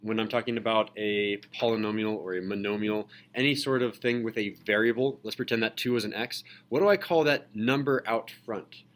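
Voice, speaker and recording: A man's voice: on the low side, brisk, hardly any pauses. A man teaching a math lesson to a class, asking questions and calling on students. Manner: calls on students, asks questions. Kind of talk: classroom lecture.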